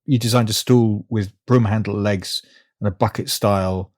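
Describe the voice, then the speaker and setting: Man, interview host, lowish voice, measured, long framed questions. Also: steady tone, a little mellow, no room sound, studio quality.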